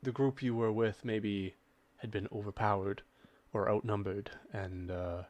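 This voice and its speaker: A man voicing a kind male lizard man who speaks slowly and carefully. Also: lowish voice, fairly even intonation, darkish tone, lightly acted. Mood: reassuring.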